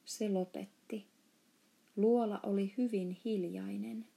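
A woman narrating a children's storybook aloud, reading in a calm, steady way. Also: medium pitch, gravelly, slightly rough.

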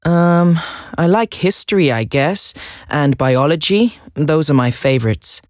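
Hesitant, chatty, and nervously laughing, the character is an earnest 16-year-old boy applying for a job, voiced by a Swedish-native actor in a scripted listening dialogue. The voice is a little high and a little slow, with lively intonation and dry, close sound free of echo.

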